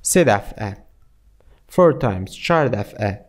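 A man teaching an English lesson, explaining in Persian and reading English text aloud very slowly. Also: fairly low pitch, lively intonation. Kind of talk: language lesson.

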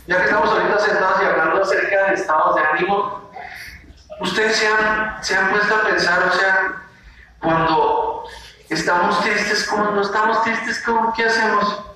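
A high, bright-voiced man teaches preschoolers and slips into playful voices to act out feelings. The room is very echoey, he is some distance from the mic, and there is a faint hiss behind him. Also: steady tone, normal speed. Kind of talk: animated lesson to young children. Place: classroom.

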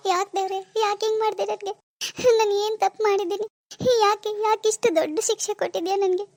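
A woman's voice: sits high, a little mellow, no echo, lightly acted. A woman voicing a worried middle-aged mother in a cartoon, soothing and pleading with her daughter. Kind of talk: cartoon voice acting.

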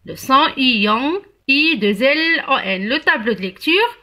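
Slow, lively woman teaching children to read. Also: sits high. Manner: slow, spells out letters and syllables, praises the class. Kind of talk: early reading lesson for young children.

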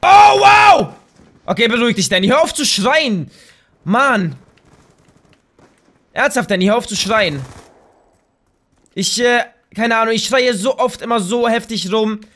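Young German man, gaming commentary; very high, bright voice, hyped and prone to yelling at opponents. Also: measured pace, pauses often. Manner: excitable, trash-talking, bursts into shouts. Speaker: gaming YouTuber. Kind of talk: live gameplay commentary.

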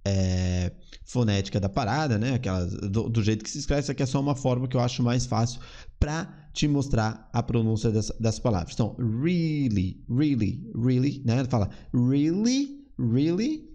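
Man, english teacher, dark mellow voice, chatty, repetitive drilling. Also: mid-range voice, fairly quick. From Brazil. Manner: chatty, repeats words to drill pronunciation. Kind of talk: casual online English lesson.

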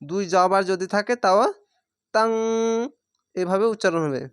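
Man, Bangladeshi Bengali accent, Quran reading teacher, slow syllable spelling, high clear voice. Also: no echo, clean studio sound. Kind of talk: spelling-out recitation lesson.

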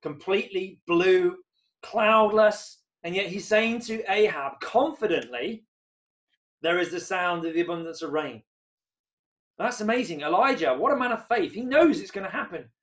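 A man in his thirties delivers an earnest sermon into a desk webcam from a room at home. His voice sits a little high, and he lifts into excited emphasis when he reaches key points. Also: normal speed. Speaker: preacher.

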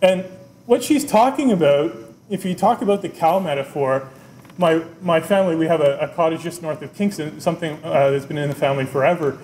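A man in his forties delivers a keynote from a wooden podium, his voice pitched a little high. He talks in an animated, conversational way, gesturing as he goes. The podium mic picks up the echo of the lecture room and a faint hum of background noise. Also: a little fast. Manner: animated, conversational, often adds "right?", gestures with both hands. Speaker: business school dean giving a keynote. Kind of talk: keynote speech. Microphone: podium microphone.

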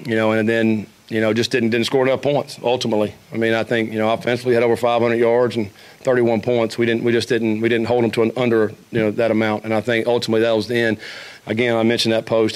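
A man's voice: mid-range voice, clean tone. A middle-aged man, a head football coach, answering questions at a post-game press conference, with frequent restarts and fillers. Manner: fast, even-toned, frequent restarts and fillers. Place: press conference room with a logo backdrop. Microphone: table microphone.

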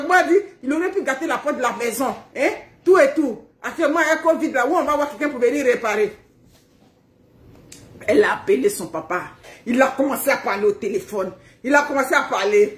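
At home indoors, a middle-aged woman live-streams to her viewers, chatting casually and laughing as she animatedly acts out family quarrels. Her voice sits on the high side, and the sound is reverberant.

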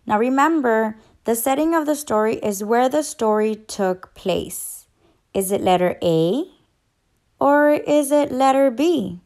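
A woman teacher who reads stories to children reads aloud and quizzes young kids in an encouraging, instructional way. Her voice is a little high and darkish in tone, animated yet unhurried.

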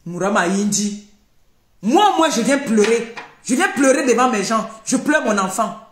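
Older woman, high-voiced accusing rant, echoey room. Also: expressive, a little slow, slight background noise. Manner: scolding, accusing, repeating herself. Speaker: live streamer. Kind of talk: heated live-stream rant.

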